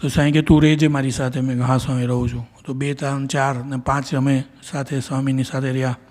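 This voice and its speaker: A man's voice: mid-range voice, flat delivery, fast, darkish tone. A middle-aged man, telling a devotional gathering about his personal memories, acting out quoted dialogue and often restarting his sentences. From India. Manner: earnest storytelling with quoted dialogue and frequent restarts. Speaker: devotee giving a talk. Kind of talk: personal spiritual testimony.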